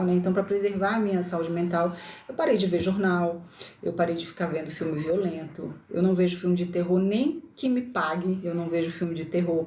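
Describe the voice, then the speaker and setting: A woman's voice: lowish voice, warm tone, a little hiss or hum. Chatty woman with a Brasília accent. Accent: Brasília Brazilian Portuguese, slightly mixed. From Brasília, Brazil. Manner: chatty, many tag questions and self-corrections. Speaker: livestream host. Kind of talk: casual livestream talk on spirituality. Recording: roomy echo.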